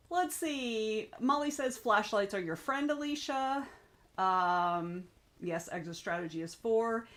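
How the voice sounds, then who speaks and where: This young adult woman hosts a writing stream, speaking at a medium pitch as she chats casually and reads viewer comments aloud. Her talk rambles, stays frank, and includes some swearing.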